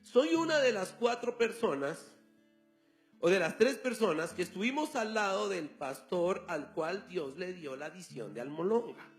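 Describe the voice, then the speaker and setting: A man's voice: high-pitched, expressive, a little slow, soft background music. A male pastor preaching a sermon, telling a story and acting out the dialogue. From Colombia.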